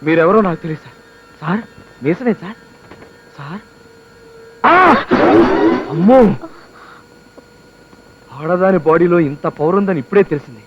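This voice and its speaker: An actor playing a flustered young married man who talks in quick, excitable outbursts in a film comedy. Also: high-pitched, muffled recording, background noise, lightly acted. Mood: panicked. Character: flustered young husband, jumpy and loud. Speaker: newly married office clerk. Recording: film score behind.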